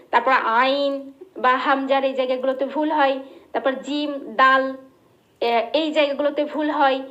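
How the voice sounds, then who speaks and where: A woman teaching a religious lesson, slowly drilling pronunciation and asking her students questions. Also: sits high, fairly bright tone. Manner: patient, repeats and drills pronunciation, asks the class questions. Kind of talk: slow recitation lesson. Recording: dull lo-fi recording.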